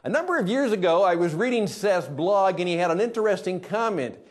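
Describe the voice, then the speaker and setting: Middle-aged male host, lively pitch, emphatic, studio show. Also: fairly quick. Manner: emphatic, swings between loud and hushed. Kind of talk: energetic presenting to camera. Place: studio production floor.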